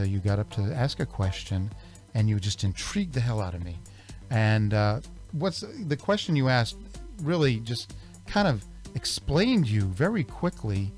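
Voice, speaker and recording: A man's voice: lowish voice, a little mellow. A man hosting a radio interview show over a video call, chatting casually with many fillers and little jokes.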